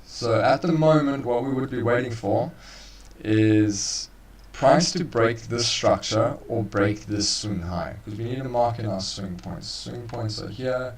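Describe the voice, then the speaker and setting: A man's voice: mid-range voice, a little slow. Chill guy going over charts on a live stream, sounds far off in a roomy room. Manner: casual, laid-back, calls listeners bro. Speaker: trading co-host.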